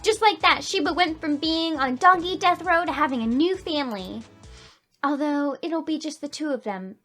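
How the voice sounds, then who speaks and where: A woman with a high, somewhat bright voice speaks at a moderate pace while hosting a gaming video, with soft background music from the game. She narrates the story expressively as a voice-over and mixes in reactive, emotional commentary.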